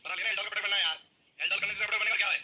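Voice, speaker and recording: Fast, bright-voiced male chemistry teacher. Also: sits high, slightly rough, lo-fi sound. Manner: energetic, keeps prodding students to answer. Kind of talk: classroom lecture.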